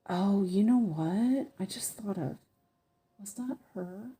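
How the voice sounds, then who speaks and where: A woman's voice: mid-range voice, slow, dark tone, breathy edge. A woman with a lisp that slurs her s sounds toward sh, chatting casually and thinking aloud as she hosts a craft livestream. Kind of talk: casual livestream chat while stitching.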